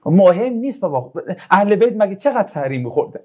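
A man's voice: high-pitched, big pitch swings, dark tone. A man giving an informal religious talk full of stories, chatting and joking with his listeners in between. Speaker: religious speaker.

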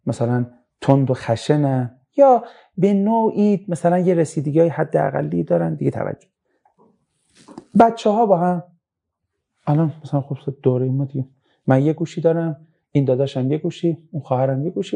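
A man giving a moral lecture to a young audience, telling stories with lively emphasis and quiet asides. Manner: animated storytelling, voice rising high for emphasis, drops low for asides.

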